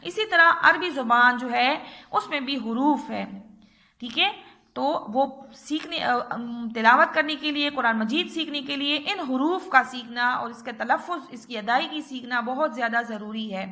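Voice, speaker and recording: A woman teacher with an Urdu-speaking Pakistani accent leads a recorded class for small children. Her voice sits high and sounds bright and crisp. She talks patiently, checks in with the class again and again, and stretches out each sound as she drills it. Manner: patient, repeats "theek hai" often, drills letters slowly. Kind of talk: recorded online class lesson.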